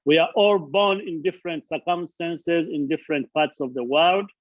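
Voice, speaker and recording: A high-leaning male voice at normal speed comes through a muffled recording with no room sound. The speaker, a Ugandan charity founder hosting his channel, gives an earnest motivational talk indoors at a friend's house, leaning on lists and repetition for emphasis.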